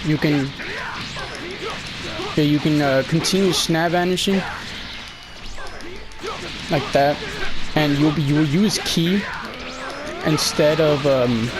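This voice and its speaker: With music in the background, a young man speaks slowly in a slightly high voice, leaving long pauses during a casual game walkthrough. He's a little sick and his voice is giving out, and his commentary meanders with frequent fillers and hesitation.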